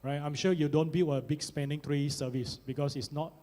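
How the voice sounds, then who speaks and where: A man's voice: a little high, steady tone, fairly quick, dark tone. A man with a Singaporean accent giving an informal technical presentation at a conference, often checking in with tag questions. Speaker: conference speaker, network engineer presenter. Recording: reverberant conference hall.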